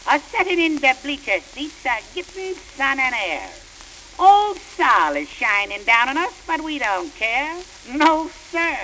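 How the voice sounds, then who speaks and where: A woman reciting a comic poem in the voice of an excitable young male baseball fan, with old-time slangy dialect and shouts at the field. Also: high voice, slow pace, a little hiss or hum, full character voice, rough recording. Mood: boastful.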